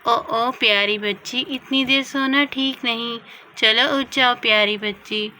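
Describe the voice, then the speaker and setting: A woman voicing a young mother doll who coaxes her daughter out of bed, gently scolding. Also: on the high side, fairly even intonation, unhurried, slight background noise. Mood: coaxing. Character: fussing young mother doll, patient and coaxing.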